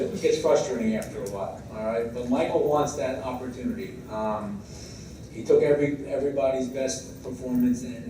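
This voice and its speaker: Picked up by a distant microphone in a very echoey room with clear background noise, an American man with a mellow, mid-range voice delivers a tribute. He is a high school baseball head coach, speaking haltingly in a semi-scripted way and mixing read-out praise with informal asides.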